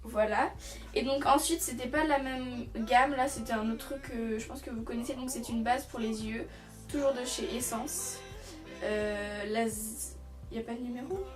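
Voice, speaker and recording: A woman's voice: on the high side, normal speed. A young woman chatting casually through a shopping haul, rambling with many fillers and restarts. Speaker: beauty vlogger. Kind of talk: casual haul video chat. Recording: distant from the mic, music behind. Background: music.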